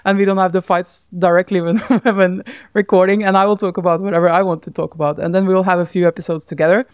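A woman's voice: on the low side, flat delivery, fast, smooth, dry recording, studio quality. A Norwegian woman co-hosting a podcast, talking thoughtfully in casual chat and laughing often. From Norway. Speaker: podcast co-host.

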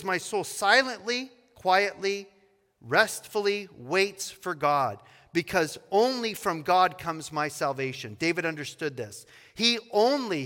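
A man pastor preaching an expository sermon, reading scripture slowly and with emphasis. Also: high-pitched, pushed and bright, in a large hall. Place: church sanctuary.

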